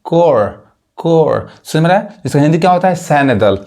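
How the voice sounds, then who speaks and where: A man's voice: a little high, expressive, racing, a little mellow. A man teaching English pronunciation, who repeats example words and keeps checking whether learners follow. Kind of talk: classroom lesson.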